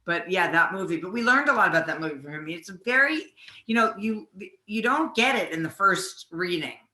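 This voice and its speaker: A woman guest chatting casually in an interview, telling lively anecdotes and laughing as she talks. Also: lowish voice, brisk. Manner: lively anecdotal storyteller, laughs while talking. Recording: roomy echo.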